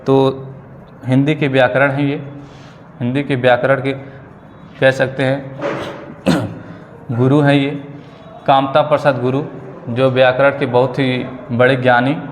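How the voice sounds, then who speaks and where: A male teacher giving an exam-prep grammar lesson, repeating key phrases slowly and checking in with his students. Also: medium pitch, flat delivery. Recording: long reverb, faint ambient noise.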